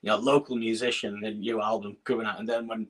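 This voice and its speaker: Talking fast in a lowish, slightly rough voice with a level tone, this middle-aged man is a guest musician in a casual video-call interview. He is from Scotland but has a northern English accent. He hesitates, uses many fillers and restarts, and laughs softly.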